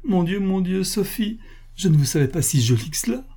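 A man's voice: medium pitch, lively intonation, fairly quick, mellow, slightly rough, pitched above the performer's own voice. A man voicing a naive, eager young girl in a storybook reading. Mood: amazed. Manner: eager, exclaiming.

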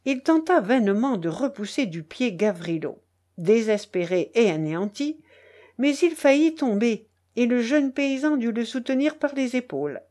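A woman narrating a literary story in a measured, dramatic storytelling manner. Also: a little high, very animated, mellow.

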